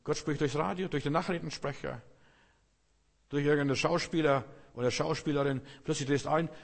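A middle-aged man, a pastor, preaching a sermon with emphatic swings between loud calls and hushed, drawn-out phrases. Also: on the high side, steady tone, vocal fry. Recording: long reverb of a large hall.

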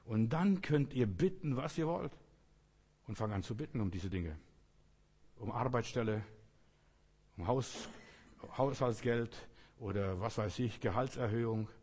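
A man preaching a sermon with emphatic delivery, dropping to quiet intensity and then rising to raised exclamations. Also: mid-range voice, lively intonation, a little slow, pauses often. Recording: husky voice in a reverberant hall.

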